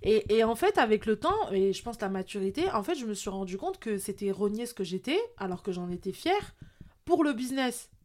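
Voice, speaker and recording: A woman's voice: medium pitch, sing-song, fairly quick, darkish tone. A French woman speaks candidly as an interview guest. Her talk is loose and conversational, full of small fillers and restarts. She sounds open and talkative. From France. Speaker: guest, entrepreneur and influencer. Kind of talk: casual interview chat.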